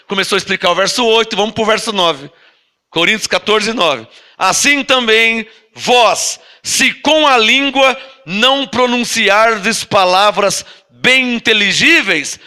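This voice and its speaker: This man's voice sits high, pushed and bright with a clean tone, carrying a Brazilian Portuguese accent. As an apostle preaching to his congregation, he reads scripture slowly and at length, then explains it forcefully and challenges listeners with rhetorical questions.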